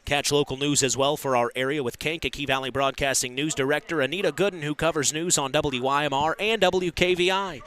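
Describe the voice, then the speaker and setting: A man's voice: on the high side, a little fast, hardly any pauses, fairly bright tone, clear, resonant tone. An American man hosting a radio pre-game sports broadcast as play-by-play announcer, in a formal, welcoming delivery. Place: school gymnasium.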